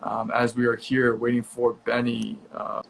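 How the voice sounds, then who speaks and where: A young man hosts an online conversation over a video call, his voice sitting in an ordinary middle pitch. He talks casually and upbeat, filling gaps with ums and quick restarts. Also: monotone, gravelly, a little hiss or hum. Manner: casual, upbeat, with frequent fillers. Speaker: host. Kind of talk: virtual event interview.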